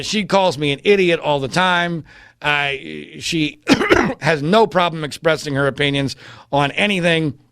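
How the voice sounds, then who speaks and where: A middle-aged male podcast host with a slightly high voice talks in a wry, rambling monologue, full of filler words. The recording is dry and close, with no room sound. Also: fairly bright tone, dry recording. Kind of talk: casual monologue answering listener questions.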